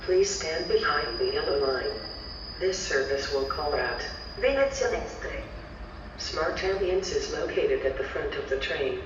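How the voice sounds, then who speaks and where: A woman making a formal, scripted train station announcement over loudspeakers. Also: low-pitched, expressive, slow, recorded from a distance. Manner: formal public-address delivery. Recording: muffled echoey station PA from afar, noisy.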